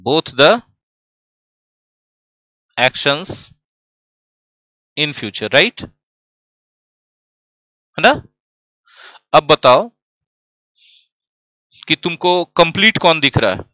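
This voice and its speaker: Young male tutor, bright forceful voice, playful and teasing, quizzes the class. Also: fairly high pitch, no room sound. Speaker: English grammar teacher. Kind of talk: online class, joking with students. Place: classroom studio, standing at a desk.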